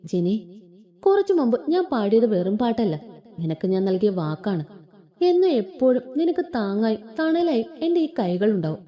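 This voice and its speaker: A woman's voice: mid-range voice, dark tone, lightly acted. A woman voicing a young man who earnestly promises his bride he will never leave her. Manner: affectionate, earnest. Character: young man, devoted and reassuring groom-to-be.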